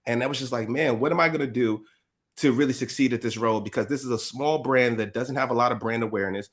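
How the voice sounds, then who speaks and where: Male guest, rapid casual storyteller who voices the people in his stories. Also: medium pitch. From USA. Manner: lively, slangy, acts out quotes, laughs often.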